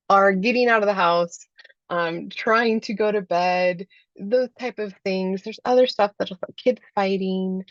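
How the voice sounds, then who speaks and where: A woman's voice: medium pitch, no echo, highs cut off. A woman life coach talking as a podcast guest in a chatty way, often adding "like" and "right?". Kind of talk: podcast interview.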